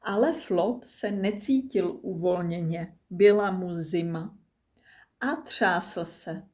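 A woman calmly reading a children's story aloud. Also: fairly low pitch.

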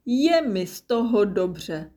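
A woman's voice: mid-range voice, sing-song, warm tone, close to an everyday voice. A woman doing a carefree mother crocodile. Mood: cheerful.

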